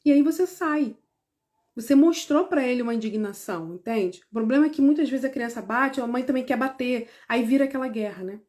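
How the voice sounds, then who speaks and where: A Brazilian woman with a fairly high voice talks parents through everyday situations in a casual, explanatory tone. She speaks conversationally, with lots of tag questions and restarts, and now and then briefly acts out both sides of a parent and child exchange. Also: brisk, a little mellow. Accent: Brazilian Portuguese. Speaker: parenting educator.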